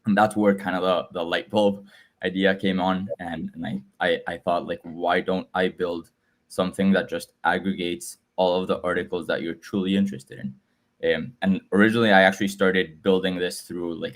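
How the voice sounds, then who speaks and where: A young man from Guatemala, a guest explaining his app in casual chat, with frequent halting repeats. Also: deep voice, little pitch movement. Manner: halting, repeats words as he talks. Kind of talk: casual video call chat. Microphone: video call.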